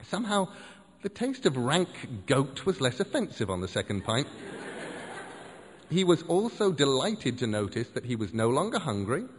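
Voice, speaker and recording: A man's voice: medium pitch, in a large hall, slight background noise. A man reading a comic story aloud in a dry, wry narrating manner.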